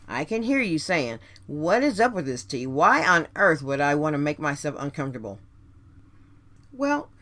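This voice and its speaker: Addressing listeners head-on, a low-voiced woman radio host reads a motivational script. Her phrasing is deliberate and emphatic, punctuated by rhetorical questions.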